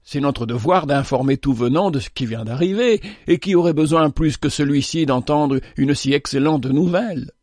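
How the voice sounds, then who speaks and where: A man's voice: a little high, normal speed, hardly any pauses, a little mellow, dry recording, clean studio sound, lightly acted. A man voicing a kind, devout male shepherd in a read-aloud story, speaking earnestly and pleadingly. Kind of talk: storybook reading.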